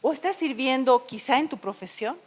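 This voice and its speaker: A woman preacher delivering a sermon, telling stories with dramatic shifts between loud and soft. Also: sits high, normal speed, long reverb tail. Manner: expressive storytelling with dramatic shifts in loudness. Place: church.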